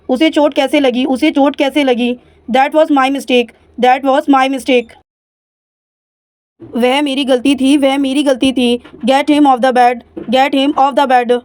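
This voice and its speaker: A woman, teaching English by reading each sentence twice, slowly in English and quickly in Hindi. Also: high-pitched, dry recording.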